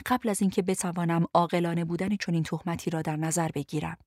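Measured woman narrating a novel. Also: on the low side, fairly even intonation, darkish tone, dry recording, studio quality. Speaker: audiobook narrator. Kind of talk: first-person novel narration.

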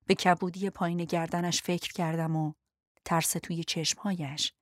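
A woman narrating an audiobook in the first person, in a quiet, reflective reading. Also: lowish voice, level tone, dry recording, studio quality.

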